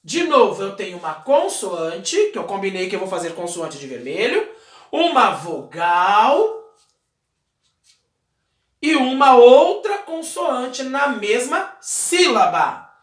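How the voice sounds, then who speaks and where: A male teacher records a video lesson indoors, writing on a wall as he explains things step by step. His voice sits high and sing-song, and he goes slowly and patiently, checking in with short questions. The room is echoey.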